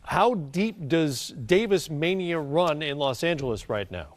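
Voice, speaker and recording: A man anchoring a sports news segment in a measured, newsy way, asking long questions. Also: a little high, expressive, dry recording. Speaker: studio anchor.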